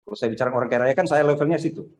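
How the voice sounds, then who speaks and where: A man's voice: medium pitch, racing, a little mellow. A man preaching a conversational sermon over a video call, telling anecdotes and acting out other people's lines. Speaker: pastor. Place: church service streamed over a video call. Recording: roomy, echoey video call; echoey.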